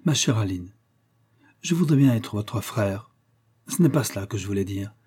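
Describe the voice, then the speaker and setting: A male reader voicing a young noble gallant in love, speaking in a lively, playful way. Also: lowish voice, normal speed, slightly rough. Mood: tender.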